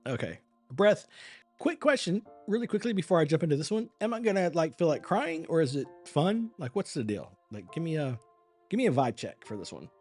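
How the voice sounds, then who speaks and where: An acting and performance coach chats casually with viewers on a live stream, his voice fairly high with big pitch swings and a brisk, darkish tone. He sounds tired and his voice is wearing thin as he rambles earnestly, restarting words along the way. Soft music plays in the background.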